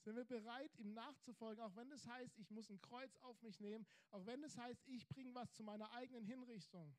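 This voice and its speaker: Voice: mid-range voice, fairly even intonation, a little fast, a little mellow. A preacher delivering an emphatic sermon, building points through repeated phrases and rhetorical questions.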